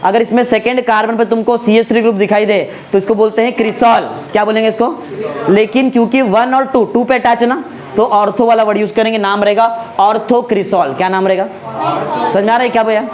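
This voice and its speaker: A male chemistry tutor lecturing a class, drilling students with constant check-in questions and slowly repeating key names for emphasis. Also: sits high, steady tone, crowd noise.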